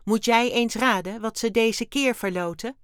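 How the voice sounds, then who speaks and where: A woman's voice: a little high, normal speed, clean tone, no echo, clean studio sound, voice pushed up, close to an everyday voice. Wim, a woman voicing a chirpy blue alien. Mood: chirpy, eager. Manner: chirpy, odd turns of phrase. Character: cheerful small hairy blue alien. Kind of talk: storybook reading.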